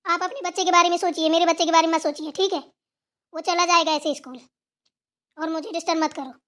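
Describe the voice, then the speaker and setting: A woman's voice: very high-pitched, fairly even intonation, fast talker, fairly bright tone. A woman voicing a lazy, spoiled young daughter-in-law who talks in a whiny, defiant way.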